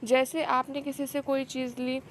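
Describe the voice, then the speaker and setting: A woman's voice: high voice, little pitch movement, moderate pace, slight background noise. A woman teaching a pedagogy lesson for teacher exams, explaining points and often checking in with "okay". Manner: explains in Hindi mixed with English terms, frequent "ठीक है" check-ins. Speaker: teacher exam coach. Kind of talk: pedagogy lecture.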